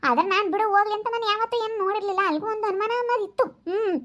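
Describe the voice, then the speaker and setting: A woman's voice: very high voice, sharp tone. A woman playing a fierce scolding village wife. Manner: scolding, threatening, repetitive. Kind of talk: skit acting.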